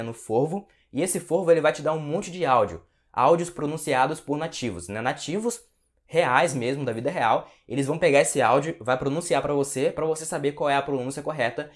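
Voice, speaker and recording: A man with a Brazilian Portuguese accent, answering viewer questions as a language teacher in a relaxed, casual way. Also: fairly high pitch. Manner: relaxed, repeats tags like "tá?" and "né?". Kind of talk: casual Q&A lesson to camera.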